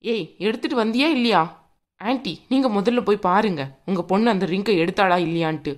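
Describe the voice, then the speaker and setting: A woman's voice: mid-range voice, a little fast, lightly acted. A woman voicing a quarrelsome young bride-to-be in a cartoon, sarcastic and nagging. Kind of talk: cartoon voice acting.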